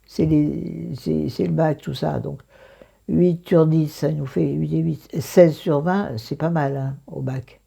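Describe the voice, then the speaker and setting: Woman, heavy vocal fry, croaky morning voice, dark mellow tone, unhurried pace, casual self-mocking review chat, digressive. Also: low-pitched, steady tone. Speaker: book review vlogger.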